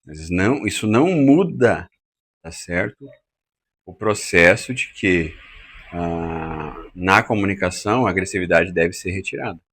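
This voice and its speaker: Husky low-voiced man giving a lecture. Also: animated, measured pace, a bit bright. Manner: acts out quoted speakers in raised voices; uses frequent tag questions. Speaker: teacher. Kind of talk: lecture on communication. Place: classroom.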